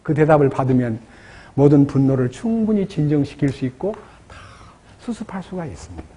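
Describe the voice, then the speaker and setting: A man's voice: fairly high pitch, animated, a little fast, mellow, a little hiss or hum. A man preaching a sermon as pastor, asking the congregation questions and acting out prayers in his own words. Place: church.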